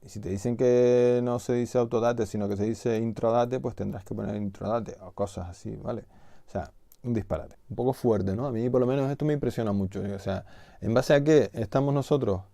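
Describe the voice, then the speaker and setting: A man's voice: medium pitch, a little fast, gravelly, mellow, no room sound. A middle-aged man with a Canarian Spanish accent, talking in a casual explanatory monologue as the host of his own video. He sounds indignant and fires off rhetorical questions.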